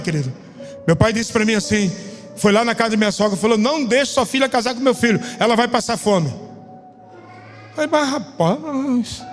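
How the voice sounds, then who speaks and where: A man with a Brazilian Portuguese accent, a pastor preaching a sermon in a church and telling emotional personal stories, close to tears. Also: high voice. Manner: emotional, storytelling, holding back tears. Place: church sanctuary. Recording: reverberant church hall with soft music.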